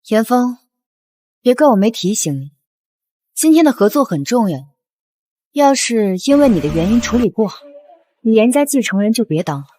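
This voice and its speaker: A woman's voice: fairly high pitch, very animated, normal speed, pauses often, dark tone. A young woman playing a self-assured wife in a drama, speaking curtly and coolly. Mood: warning. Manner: cool, curt, assertive. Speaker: wife, heroine. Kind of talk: TV drama acting.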